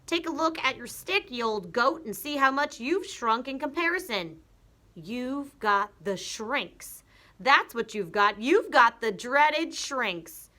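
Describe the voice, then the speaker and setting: A woman's voice: on the high side, lively intonation, takes it slowly, pushed and bright, voice pushed up, full character voice. A woman voicing a cruel old man who gleefully taunts his wife in a storybook reading. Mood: gloating. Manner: taunting, gloating.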